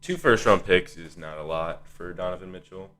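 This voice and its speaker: A man's voice: low voice, normal speed, bright, forceful tone. A man hosting a casual sports discussion, thinking aloud in a hesitant, conversational way. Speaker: podcast host.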